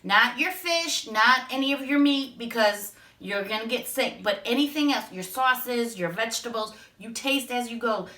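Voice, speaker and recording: A woman hosts a home cooking vlog with a bright, forward voice. She talks straight to her viewers with chatty enthusiasm. She is picked up from a distance in an echoey kitchen. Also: a little high, expressive, moderate pace, hardly any pauses. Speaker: cooking show host. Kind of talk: casual cooking tutorial.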